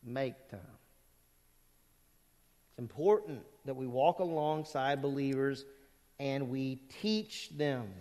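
A man's voice: a little high, darkish tone, long reverb tail. A man pastor preaching a sermon in a conversational way, voicing his listeners' objections and answering them. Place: church sanctuary.

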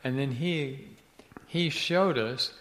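A man's voice: mid-range voice, takes it slowly, fairly bright tone, slight background noise. An older man from Ecuador, a missionary's son, telling stories as an interview guest and often searching for words and restarting. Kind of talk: storytelling in a faith interview. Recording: long hall reverb.

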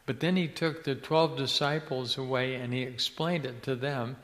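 A man's voice: mid-range voice, fairly even intonation, moderate pace, fairly bright tone. An older man from Ecuador, a missionary's son, telling stories as an interview guest and often searching for words and restarting. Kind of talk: storytelling in a faith interview. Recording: long hall reverb.

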